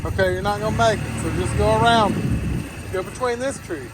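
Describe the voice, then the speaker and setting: A woman's voice: medium pitch, brisk. A woman with an American accent coaching a beginner driver in casual, blunt, repeated short commands. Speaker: driving instructor coaching a nervous beginner. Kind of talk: casual hands-on driving instruction. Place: outdoors in a moving small vehicle. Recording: loud outdoor engine and vehicle noise.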